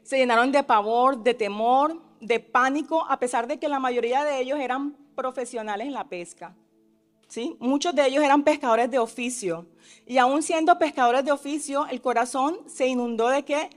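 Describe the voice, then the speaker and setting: A woman preaches a sermon, frequently asking her listeners questions and tacking on tag questions, and acts out the disciples' cries with rising force. Her voice is high and moderately paced, with faint music in the background.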